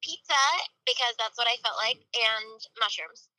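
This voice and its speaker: Woman on speakerphone, higher pitched, dry sound, rambling deadpan caller. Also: moderate pace, no room sound, rough recording. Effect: speakerphone call. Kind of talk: casual chat.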